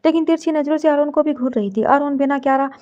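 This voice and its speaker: A woman narrating a dramatic romance story in a steady storytelling voice. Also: high voice, fast. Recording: dull lo-fi recording.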